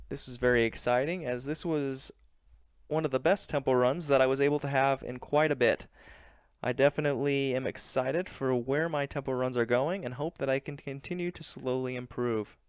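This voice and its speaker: A man narrating a vlog recap as a vlogger, in a plain, measured and earnest way. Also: mid-range voice, clear, resonant tone, no room sound, studio quality. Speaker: running vlogger.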